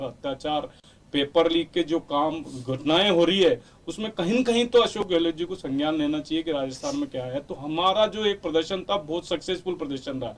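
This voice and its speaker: High-voiced forceful political spokesman, distant. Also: slight background noise. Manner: forceful, repetitive, campaign-style. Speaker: youth wing party spokesman. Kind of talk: heated political debate.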